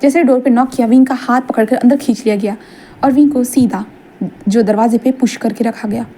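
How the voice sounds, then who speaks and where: A woman reading out a fan fiction story in a casual, chatty way, pausing to explain and repeat points and mixing English words into Hindi. Her voice is high-pitched yet dark and mellow. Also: fairly even intonation, slightly rough.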